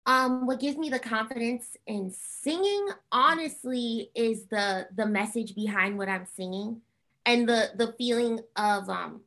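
A woman chats casually as a guest on an interview show. She is effusive and talkative, with a higher-than-average pitch that often drops into creaky fry. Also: unhurried, a bit bright. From Harlem and New Jersey, US. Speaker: interview guest, singer and actor. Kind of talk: casual, chatty interview answers.

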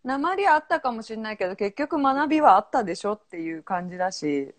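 A woman's voice: medium pitch, very animated, fast talker. A woman guesting on a podcast in casual chat, talking frankly and breezily. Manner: frank, breezy, laughs easily.

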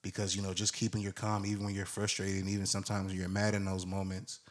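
A man in his twenties, a podcast co-host, telling a long story in a casual, animated way and acting out the people in it. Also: deep voice, quick pace.

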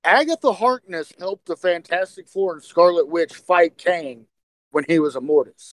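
High-voiced man in eager podcast chat. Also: moderate pace, rough recording. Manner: excited, speculative, stumbles and repeats words. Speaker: podcast co-host.

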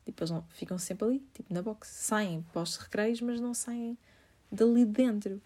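A young woman talks straight to her viewers. She speaks quickly in a mellow, warm tone, with lots of fillers and laughs scattered through her storytelling. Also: mid-range voice. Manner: chatty, laughing, heavy filler use. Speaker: vlogger.

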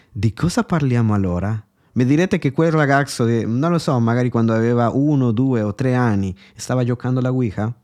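A man's voice: medium pitch, darkish tone. A man preaching a sermon, reading verses aloud and firing rhetorical questions at his listeners. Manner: expounds scripture passionately, asks rhetorical questions; addresses listeners directly, reads verses aloud.

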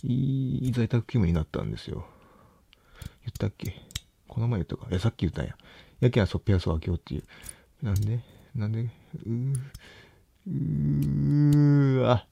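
A young man, quietly mumbling to himself at home late at night, nervous and hesitant. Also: lowish voice, expressive, fairly quick, vocal fry, slightly rough, no room sound. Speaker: vlogger.

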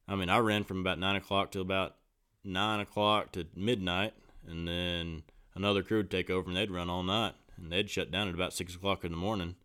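A man chatting on a podcast in a low-key, rambling way, often correcting himself. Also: bright, forceful tone, smooth. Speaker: podcast co-host, cotton farmer. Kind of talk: casual podcast chat. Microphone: studio mic.

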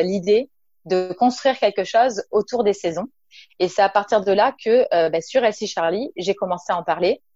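With a medium-pitched, darkish voice, a woman from Nice who works as a naturopath and entrepreneur chats in an interview, hesitating frequently and using lots of fillers in an informal manner. There is no echo, and the high frequencies are cut off.

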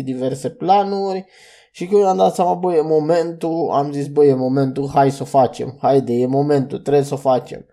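A young man with a fairly high, mellow voice hosts a solo podcast reviewing cartoon episodes. His delivery is loose and rambling, with restarts and fillers.

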